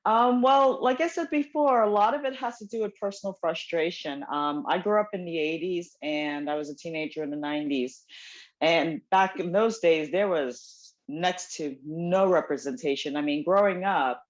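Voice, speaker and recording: Over dull lo-fi call audio, a South Korean–born woman in her forties who grew up in New Jersey talks informally as a playwright guest. She speaks from home at a moderate pace in a lowish voice, dropping ums and self-deprecating remarks, with a dog barking close by.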